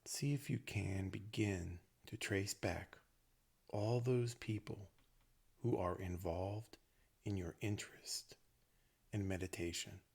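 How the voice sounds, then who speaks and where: A meditation teacher with a low voice leads a session in short, gentle phrases. His tone is husky and creaky, and he lets long pauses sit between his thoughts.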